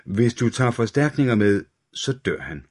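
A man voicing a menacing male killer with a metallic voice, speaking slowly and quietly in a taunting way. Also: medium pitch, very animated, voice pushed up.

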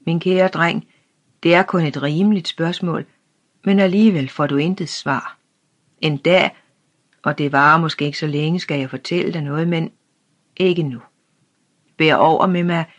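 Brief: calm craftsman father, audiobook, gentle and measured, voiced by the reader. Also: mid-range voice, lo-fi sound, lightly acted. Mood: tender. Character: grave, loving father, a craftsman. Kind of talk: audiobook character reading.

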